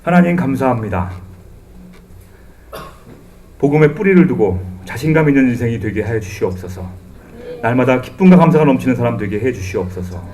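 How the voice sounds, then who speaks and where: A middle-aged man preaching a sermon in church as pastor, animated and humorous, acting out the voices he quotes. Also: medium pitch, fairly quick, long pauses, slight background noise. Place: church sanctuary.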